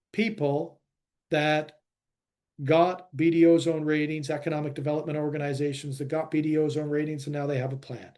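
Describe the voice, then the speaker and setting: Male webinar presenter, halting and filler-heavy, a bit high-pitched. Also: a little mellow. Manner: halting, many fillers and restarts.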